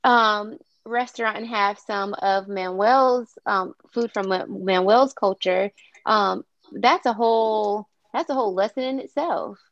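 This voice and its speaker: A woman's voice: mid-range voice, unhurried, no room sound, lo-fi sound. A woman teacher talking casually in a book club discussion, chatty and hesitant, with fillers and restarts.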